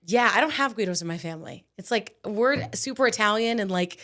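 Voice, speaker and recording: Young woman, from New Jersey, podcast guest, nervous giggly rambling, middle pitch. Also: expressive, brisk, fairly bright tone. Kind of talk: casual podcast chat.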